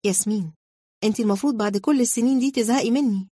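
A woman's voice: fairly high pitch, racing, warm tone, no echo, studio quality, lightly acted. A woman voicing a restless young man who banters playfully and defensively, reading a storybook role. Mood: teasing.

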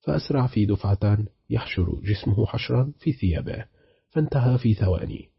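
A man narrating a short story for an audiobook in a measured, dramatic storytelling manner. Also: fairly low pitch, animated, gravelly, slightly rough, dry recording, muffled recording.

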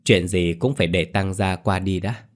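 A man's voice: sits low, moderate pace, close to an everyday voice. A man voicing a strong, resolute older village man who speaks firmly. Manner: firm, commanding.

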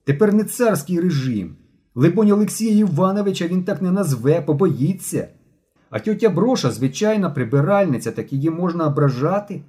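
A man voicing Genka, a hot-headed schoolboy who talks loudly and excitedly. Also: fairly high pitch, moderate pace, hardly any pauses, pitched above the performer's own voice. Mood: indignant. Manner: excited, shouting.

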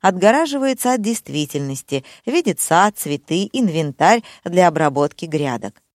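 A woman voicing a pompous older male doctor who speaks slow and dignified. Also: fairly low pitch, animated, no room sound, studio quality, close to an everyday voice.

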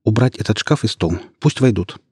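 A man voicing a young woman, a budding witch, speaking calmly, coldly and firmly in an audiobook. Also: lowish voice, normal speed, breathy edge, no echo, studio quality. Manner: calm, cold and firm.

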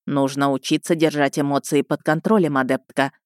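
Woman doing a stern low-voiced male rector. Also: fairly even intonation, moderate pace, no echo, studio quality, lightly acted. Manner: curt, weary, authoritative.

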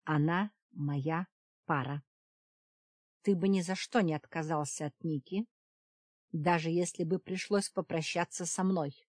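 A woman voicing a fierce, devoted male werewolf in an audiobook reading, speaking urgent and forceful. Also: a little high, lively intonation, measured pace, hardly any pauses, dry recording, clean studio sound, pitched above the performer's own voice. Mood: reproachful.

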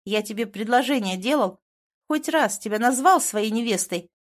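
A woman's voice: fairly high pitch, lively intonation, normal speed, lightly acted. Woman reading a curt, irritated young man. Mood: exasperated. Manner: curt and exasperated. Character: blunt irritated young man, busy boss's son. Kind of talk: audiobook character voice.

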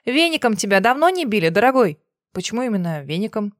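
A sharp-tongued, jealous young wife who mocks and needles her husband, as the woman narrator plays her. Her jabs come in a mid-pitched voice, recorded close and dry. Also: sing-song, quick pace, no echo, close to an everyday voice. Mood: sarcastic. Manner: sarcastic, teasing.

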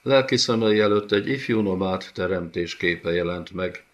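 Deep-voiced man reading a story. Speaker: audiobook narrator. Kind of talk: scripted narration.

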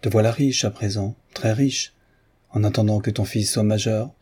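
A man reading aloud, voicing a sly, calm peasant woman who speaks quietly and insinuatingly. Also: fairly low pitch, moderate pace, slightly rough.

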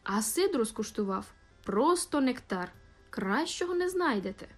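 A woman's voice: on the high side, sing-song, unhurried, faint music behind. A woman reading an audiobook voices Ned, a chatty young man who complains and exaggerates. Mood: grumbling.

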